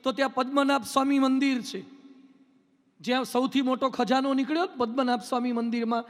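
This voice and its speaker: High-voiced monk preaching in a hall. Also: male voice, fairly even intonation, brisk. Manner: storytelling, playful, mimics people. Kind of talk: humorous sermon with anecdotes. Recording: long hall reverb.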